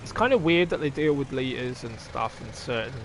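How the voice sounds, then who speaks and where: A man's voice: mid-range voice, expressive, moderate pace, slight background noise. A man live-streaming a farming game, thinking aloud, chatting to viewers and swearing casually as he plays. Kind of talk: casual live-stream chat while playing.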